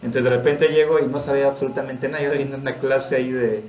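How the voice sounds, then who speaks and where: A man's voice: medium pitch, fairly even intonation, fast, darkish tone, a little hiss or hum. A man with a Mexican accent teaching a spiritual study class, speaking earnestly and personally and laughing often. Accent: Mexican Spanish. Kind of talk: informal spiritual talk. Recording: roomy echo.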